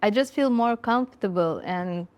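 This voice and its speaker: A young woman with a Russian accent, a dancer giving a casual interview, speaking frankly and with lively, non-native grammar. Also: medium pitch, moderate pace, smooth. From Russia, born in Ukraine. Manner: frank and animated, with broken English grammar. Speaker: guest, dancer living in Jamaica.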